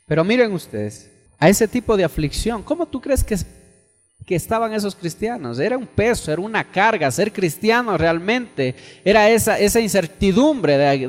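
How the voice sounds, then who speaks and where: A man's voice: high voice, long reverb tail. A man preaching a sermon as pastor, emphatic, repeating phrases and putting questions to his congregation. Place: church hall.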